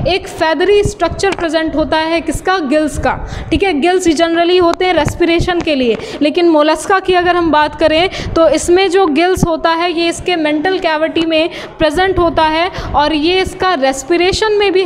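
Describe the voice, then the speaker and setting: A woman teaching a biology class, repeating key terms and asking the class quiz-style questions. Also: very high-pitched. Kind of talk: classroom lecture with dictation. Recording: long reverb and faint background hiss.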